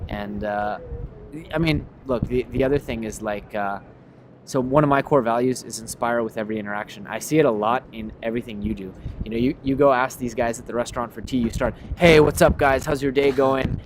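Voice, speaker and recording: A podcast host who is also a memory expert chats casually, telling stories with animation and acting out sample greetings. His medium-pitched voice moves briskly, with a bit of background noise behind it.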